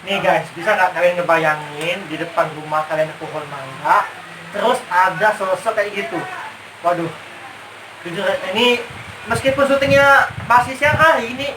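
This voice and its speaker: A man's voice: sits high, normal speed, distant mic. Spooked male vlog host, echoey sound. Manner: spooked, reacts with interjections. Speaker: host interviewing a guest. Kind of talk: casual vlog interview. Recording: echoey, slightly noisy, away from mic.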